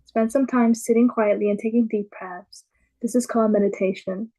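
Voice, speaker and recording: A woman's voice: fairly high pitch, fairly even intonation, moderate pace, dark tone, poor audio. A woman reading a prepared lesson as a student presenter in a class. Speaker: student presenter and quiz asker.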